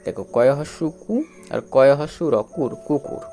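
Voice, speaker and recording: A man with a gravelly, mellow voice works through a reading lesson, sounding out each syllable slowly and repeating it. He checks in often with the listener. Faint music plays underneath. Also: mid-range voice. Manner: slow, repetitive, drawn-out syllables with frequent checks. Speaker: teacher.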